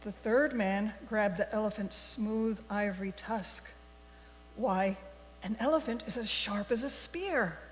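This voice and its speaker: A worship leader with a mid-range voice reads a story for all ages aloud to her congregation in a church service, using a deliberate, expressive storybook manner. The large indoor space sounds echoey, with mains hum.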